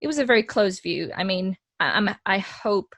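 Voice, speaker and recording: Young woman, candid, animated, restarts her sentences, video call, dry close sound. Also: mid-range voice, moderate pace, dry recording. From Mexico. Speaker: actress and guest. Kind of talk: casual interview conversation.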